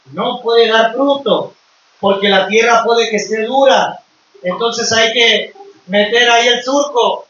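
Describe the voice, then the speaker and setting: High-voiced preacher in an echoey hall. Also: male voice, a bit bright, slight background noise. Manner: emphatic preaching that retells scripture, often calling out to the brethren. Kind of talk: sermon to a congregation. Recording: echoey hall, distant dull mic.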